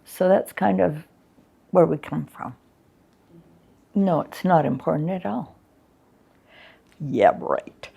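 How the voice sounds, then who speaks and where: Speaking slowly with long pauses, this older woman from Canada looks back on her years as an arts coordinator, chatting frankly with many ums in an interview. Her lowish voice is mellow and slightly rough, with vocal fry.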